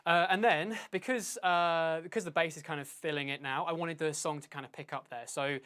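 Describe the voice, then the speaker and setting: A man teaching drums in a live stream, talking casually, sounding out beats with syllables, often pausing and correcting himself. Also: a little high, fairly even intonation, pushed and bright, clean tone. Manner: casual, vocalizes drum patterns with syllables; hesitant, many fillers and self-corrections. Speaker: drum teacher. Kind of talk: live-streamed drum lesson.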